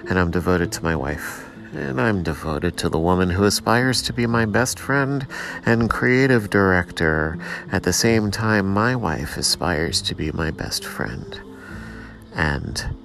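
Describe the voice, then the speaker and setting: Slow, low-voiced man rambling. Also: creaky, music in the background. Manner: rambling, self-mocking, preachy. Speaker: podcast host. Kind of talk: rambling solo monologue.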